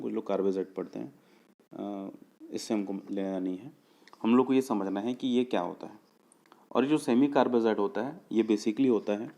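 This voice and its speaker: A man with a low, mellow voice teaches a chemistry lesson for exam preparation. He works through each step patiently, poses questions and answers them himself, and stretches out formulas piece by piece. He stops often to check whether the students have understood. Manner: explains step by step, often asks and answers his own questions; checks understanding with "clear?" and "okay".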